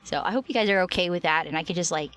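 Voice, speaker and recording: A woman's voice: lowish voice, rapid-fire, a bit bright. A woman livestreamer chatting casually and affectionately with her viewers, her voice slightly strained and recovering.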